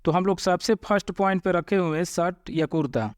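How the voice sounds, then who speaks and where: A man teaching vocabulary, repeating each word slowly and addressing viewers as friends. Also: sits high, no echo, studio quality. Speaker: Arabic language teacher. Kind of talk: vocabulary lesson.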